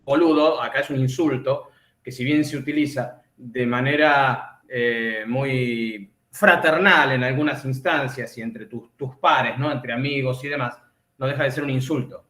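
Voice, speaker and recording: An Argentine man in a class discussion, lively and laughing as he talks. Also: medium pitch, measured pace. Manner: animated, laughs while talking. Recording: echoey room.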